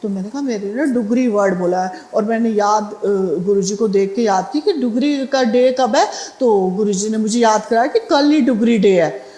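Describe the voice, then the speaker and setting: A middle-aged woman gives a spoken satsang testimony about her devotion, talking conversationally with fillers and restarts. Her voice is fairly high with a dark tone, a moderate pace, and a roomy sound.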